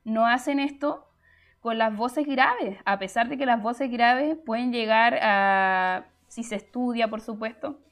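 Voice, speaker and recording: A woman's voice: fairly high pitch, unhurried, fairly bright tone. A young woman hosts a live stream, explaining her points chattily and answering the chat, with frequent fillers and restarts.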